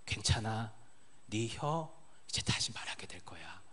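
A preacher voicing a gentle male healer who speaks softly and slowly to comfort a sick man. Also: medium pitch, sing-song, slight background noise. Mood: tender, reassuring. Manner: soft, slow and reassuring, partly whispered. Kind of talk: sermon.

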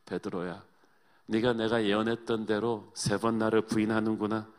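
A preacher voicing a gentle, forgiving divine teacher who speaks softly and then rises into earnest pleading. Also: male voice, fairly low pitch, flat delivery, normal speed, lightly acted. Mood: tender. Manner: soft, compassionate, rising to pleading.

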